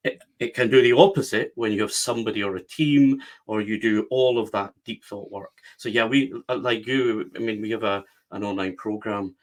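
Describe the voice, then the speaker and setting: A man's voice: lowish voice, steady tone, moderate pace, hardly any pauses. Emphatic Scottish man, podcast guest. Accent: West of Scotland. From Scotland. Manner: emphatic, builds points in repeated phrases. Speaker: guest, book strategist. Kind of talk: podcast interview.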